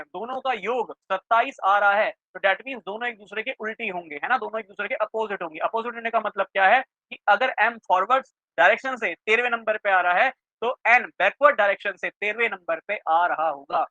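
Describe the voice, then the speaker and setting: A man teaching a reasoning class for exam prep, quizzing students with quick questions and checking often that they follow. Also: high-pitched, sharp tone, dry recording. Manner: keeps checking in with students, asking "clear?". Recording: dry, slightly dull lo-fi sound.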